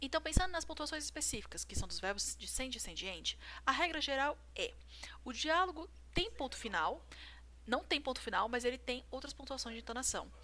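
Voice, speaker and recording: Woman teaching writing rules, fairly high bright voice, keeps asking if you follow. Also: big pitch swings, a little fast, a little hiss or hum. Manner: talks through examples, asks "certo?". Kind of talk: explaining grammar to a viewer.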